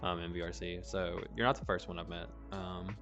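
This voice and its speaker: A man's voice: low-pitched, brisk, muffled recording, over music. A man hosting a casual chat, with a dry throat, laid-back and laughing often. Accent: noticeable accent. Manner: relaxed, chatty, laughs often. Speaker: host.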